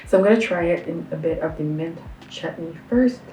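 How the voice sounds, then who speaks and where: A woman's voice: fairly low pitch, fairly quick, warm tone, slight background noise. Chatty young woman vlogging, roomy sound. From Canada. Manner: chatty and enthusiastic, with many fillers and slang. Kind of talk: casual food-tasting vlog. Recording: roomy sound, a bit far from the mic.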